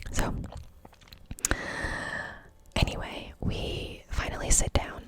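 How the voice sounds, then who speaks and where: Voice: slow, fairly bright tone. Someone whispering a chatty, rambling ASMR storytime into cupped hands, close to the microphone. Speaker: ASMR video creator.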